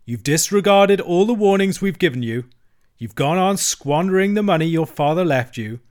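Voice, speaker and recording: Man doing a stern old badger, slow and serious, bossy. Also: medium pitch, lively intonation, lightly acted. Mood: severe. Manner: grave, deliberate and firm. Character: stern, solemn old male badger, commanding.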